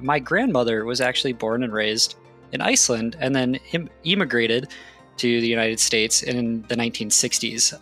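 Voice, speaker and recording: A man's voice: mid-range voice, a bit bright. A young man in a casual interview, explaining his field with enthusiasm and frequent fillers. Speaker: guest geologist.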